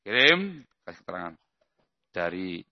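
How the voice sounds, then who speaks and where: A man's voice: sits low, sing-song, unhurried. A man preaching an Islamic lesson in a conversational way, often checking that listeners understand. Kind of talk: religious lesson with Q&A. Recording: muffled lo-fi lecture recording.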